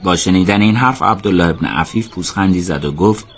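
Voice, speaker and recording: A man narrates a radio drama in a steady, measured way. His voice sits fairly low, and he keeps an even storyteller's pace. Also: slightly rough.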